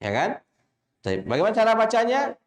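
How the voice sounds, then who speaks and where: A man with an Indonesian accent teaching Quran recitation, drilling letter names slowly and quizzing his students with short questions. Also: high-pitched, wildly swooping pitch, echoey room. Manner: chants drawn-out letter names when demonstrating. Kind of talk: classroom lesson with call-and-response recitation.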